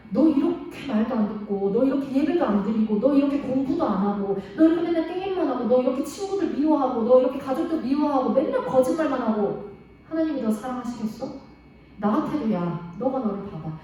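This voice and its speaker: A woman's voice: high voice, animated, dark tone, a little hiss or hum. A woman voicing a scornful devil who fires off mocking taunts, in an echoey hall with the mic far away. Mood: taunting. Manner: mocking, rapid-fire taunts.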